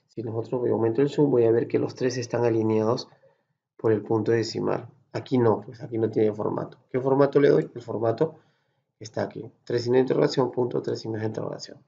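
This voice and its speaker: A man from Peru with a Peruvian accent, patiently explaining a software tutorial step by step and checking in with his students. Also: mid-range voice, creaky, lo-fi sound. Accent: Peruvian Spanish. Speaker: Excel course instructor. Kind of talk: screen-recorded software tutorial.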